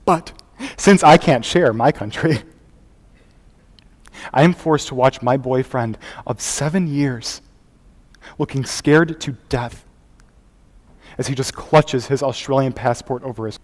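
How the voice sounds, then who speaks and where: On stage before an audience in a large, echoing hall, a young adult man from high school competitive speech performs a dramatic interpretation monologue as an earnest performance artist, recorded live at the contest. His mid-range voice sounds frustrated and pleading, and he tells the story theatrically yet conversationally, with dramatic pauses.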